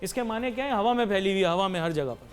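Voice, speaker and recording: A man's voice: high voice, lively intonation, fast talker, clear, resonant tone, faint music behind. A man hosting a TV talk show, delivering an emphatic, lecturing monologue to viewers and mixing in English phrases. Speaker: TV anchor and talk show host.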